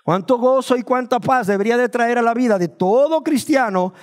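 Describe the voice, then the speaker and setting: A man born in Nicaragua preaching a sermon, asking his listeners questions and slowing down to stress the words of scripture. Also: extremely high pitch. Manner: asks the congregation rhetorical questions. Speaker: pastor.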